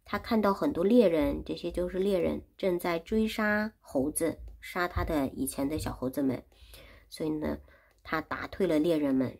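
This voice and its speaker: A woman's voice: lowish voice, a little mellow, husky. A woman teaching Chinese who retells a classic story in simple words and repeats and explains each phrase. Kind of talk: storytelling lesson.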